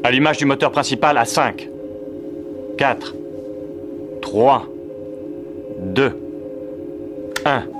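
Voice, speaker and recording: Focused shuttle pilot, medium pitch. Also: male voice, extremely slow, pauses often. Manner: clipped radio-procedure talk. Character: focused, confident male space shuttle pilot. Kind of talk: French dub of an action TV series. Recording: loud music over the voice.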